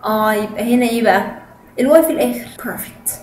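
A woman with an Egyptian Arabic accent teaches English pronunciation, her voice pitched high as she praises her students often. She switches between Arabic and English. The recording sounds roomy and echoey, with a faint hum of ambience behind her. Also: fast, darkish tone. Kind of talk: online language lesson.

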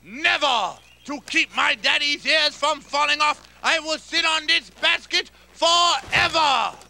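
A whiny dim young giant. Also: male voice, extremely high pitch, slow, vocal fry, sharp tone, heavily acted. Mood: stubborn. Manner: whiny, wails and sneezes. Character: dim young male giant, childish and stubborn. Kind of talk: puppet TV comedy.

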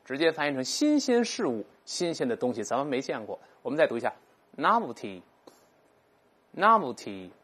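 Husky vocab teacher, animated pitch, slow clear repeats of each word. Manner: explains patiently, repeats English words aloud slowly for learners. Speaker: English teacher. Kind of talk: recorded vocabulary lesson.

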